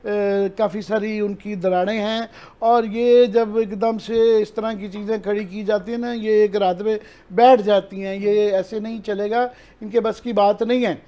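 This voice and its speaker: A man's voice: sits high, fairly even intonation, hardly any pauses, muffled recording. A man with a Pakistani Urdu accent, explaining events earnestly as an analyst on a news talk show and mixing in English terms. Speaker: political analyst.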